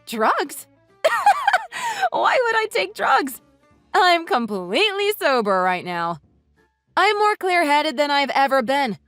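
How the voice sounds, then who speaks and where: A woman voicing a furious wife who mocks and cuts into her in-laws with sarcasm, over soft music. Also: sits high, big pitch swings, unhurried, no echo, exaggerated voice. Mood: sarcastic. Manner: sarcastic, cutting, mocking. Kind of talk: read-aloud text-message story. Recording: dry voice with soft music underneath.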